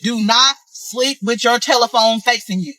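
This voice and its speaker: Woman vlogging a warning, bright voice, dry close sound, worried and chatty. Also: fairly high pitch, moderate pace, no echo, poor audio. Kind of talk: casual vlog warning.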